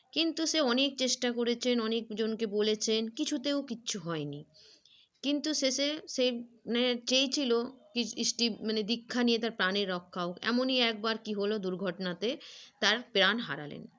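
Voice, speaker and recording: A woman telling a devotional story in a halting way, with frequent filler words. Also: a little high, fairly bright tone. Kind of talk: religious story narration.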